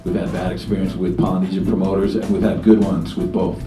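Speaking low and quickly, the thirty-something New Zealand reggae band singer gives loose, filler-heavy answers to a panel. He talks into a table mic in a meeting room, but the recording is made from a distance in an echoey space, over music.

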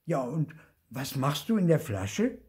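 A man's voice: fairly high pitch, unhurried, breathy edge, voice pushed up, exaggerated voice. An older man reading aloud and voicing an eager, curious young boy ghost. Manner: eager, excited questions.

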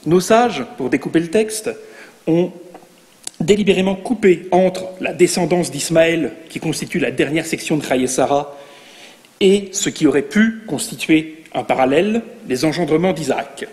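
A man's voice: fairly high pitch, measured pace, a little mellow. A man preaching a sermon in a synagogue, articulate and lightly ironic. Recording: long reverb in a large hall.

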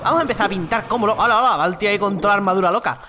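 A gaming channel host with a Spain Spanish accent giving chatty, excitable gameplay commentary. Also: mid-range voice, racing, noisy background. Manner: excitable, chatty, exclaims and laughs during play.

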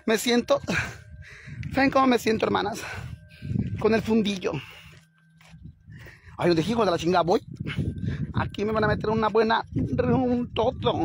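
Un hombre haciendo de una señora mexicana malhablada. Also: male voice, high voice, husky, heavily acted. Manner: crude, chatty, dramatic, addresses viewers as sisters. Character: brash foul-mouthed middle-aged woman out jogging. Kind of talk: comic character vlog. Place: outdoors on the street.

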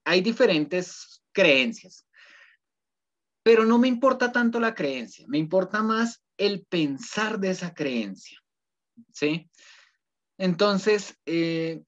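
Teacher lecturing over a video call. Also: male voice, high voice, expressive, slow, a bit bright. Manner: conversational, asks "¿sí?" often, rephrases. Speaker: ethics teacher. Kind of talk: online class lecture. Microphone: computer mic on a video call. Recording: dull lo-fi video call audio.

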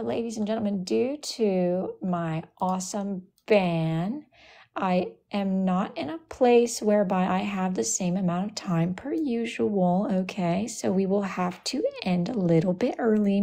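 A woman's voice: mid-range voice, vocal fry, dark tone. A woman hosting a casual live stream, sassily scolding commenters by name and repeating phrases for emphasis. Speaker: livestream host.

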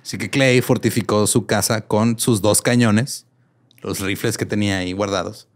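Mexican male podcast host, lower pitch, relaxed comic narration with frequent laughs. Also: moderate pace. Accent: Mexican Spanish. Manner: reads quotes aloud, laughs often, slangy asides. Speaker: podcast co-host telling a history story. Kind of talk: casual comedic history chat.

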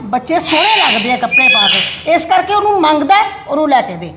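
A woman's voice: high-pitched, very animated, a little fast, heavy background noise. An actress playing a stern older grandmother who scolds her daughter-in-law in a family drama, speaking firmly and commandingly. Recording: echoey room.

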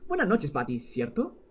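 A man's voice: fairly high pitch, fairly bright tone, slight background noise, heavily acted. A man reading the lines of a stern, formal middle-aged father in a video game.

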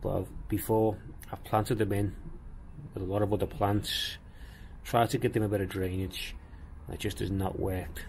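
A man giving a casual tour of his walled garden outdoors, talking in a plain-spoken, unhurried way as he walks and explains. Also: low voice, little pitch movement, creaky, a little mellow, slight background noise. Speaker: gardening vlogger.

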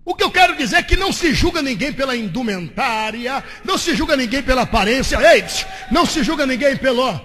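A man preaching an evangelical sermon as pastor, swinging between fervent shouting and hushed storytelling. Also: extremely high pitch, lively intonation, fast, hardly any pauses. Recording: long reverb of a large church hall.

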